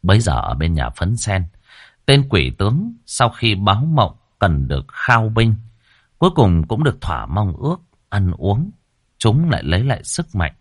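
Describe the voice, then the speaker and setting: Casting: male audiobook narrator for horror tales, low and very animated, dry close sound. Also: moderate pace, dry recording. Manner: lively, expressive storytelling. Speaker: storyteller.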